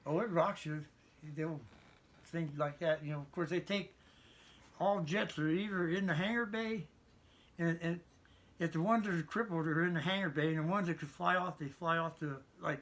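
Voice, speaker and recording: A man's voice: on the high side, normal speed, a bit bright. An American man in his seventies, a veteran remembering his service in rambling, folksy conversation with stammered repeats. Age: 70s. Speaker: interviewed Navy veteran. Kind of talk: conversational reminiscence.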